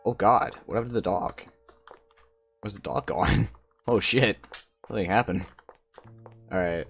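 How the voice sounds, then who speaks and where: A man's voice: on the low side, a little slow, creaky, a bit bright, soft background music. A man giving casual, sweary game commentary in slangy language as he plays. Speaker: gaming video host.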